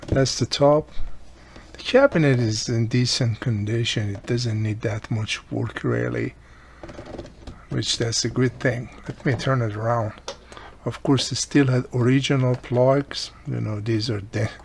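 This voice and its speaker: A man who hosts a show about his radio repair hobby explains a hands-on fix as he works, speaking casually and unscripted, with grammar that sounds non-native and articles often left out. His gravelly, mid-range voice keeps a fairly even intonation at a measured pace, with slight background noise.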